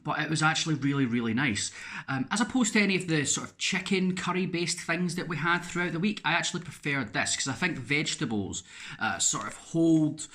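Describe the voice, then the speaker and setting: A man's voice: medium pitch, pushed and bright. A Scottish man in a casual video diary, chatty, with frequent fillers and repeated words. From Scotland. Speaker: vlogger.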